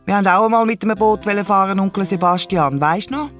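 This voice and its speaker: A man's voice: sits high, fast, soft background music, pitched above the performer's own voice. A man with a Swiss German accent voicing eager, pleading little nieces in a children's radio play. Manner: pleading, excited.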